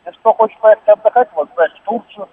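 A man's voice: high voice, fast talker, slightly rough, no echo. A male caller on a radio show, heard over a phone line with the handset held away from his mouth, talking in a rambling, hesitant way. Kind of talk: call-in opinion. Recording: thin distant phone line.

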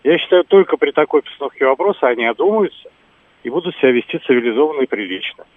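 A man's voice: medium pitch, lively intonation, fast talker, dry recording. A man from Moscow calling in to a radio show over a landline phone, talking in a blunt, emphatic, hardline way. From Moscow, Russia. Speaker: radio call-in caller. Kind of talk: call-in opinion. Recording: narrow tinny phone line.

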